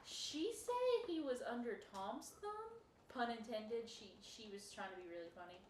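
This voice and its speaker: Playful woman player, high lively voice, echoey and far off. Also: measured pace, slight background noise. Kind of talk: casual tabletop game chat. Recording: echoey room, mic far off.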